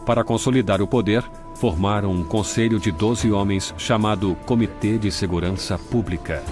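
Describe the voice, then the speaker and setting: A man reading scripted documentary narration in a grave, measured way, recorded as a studio voice-over. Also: fairly low pitch. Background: music.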